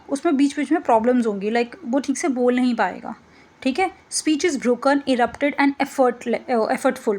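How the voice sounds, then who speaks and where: A woman teacher with a high, light voice walks through exam-prep slides. Her tone is casual and explanatory. She slips English terms into her talk and keeps checking in with her students.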